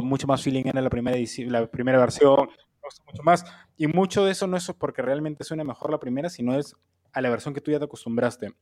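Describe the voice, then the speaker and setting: A man's voice: medium pitch, a little mellow. A man who works as a mixing engineer explains his process step by step, patiently, with frequent fillers and question tags. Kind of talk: explanatory talk.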